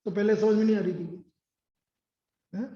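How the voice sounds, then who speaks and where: A man's voice: sits high, fairly even intonation, normal speed, dark tone. A man teaching a math class, scolding and sarcastic as he presses a student for answers. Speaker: math tutor. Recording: echoey room, dull sound.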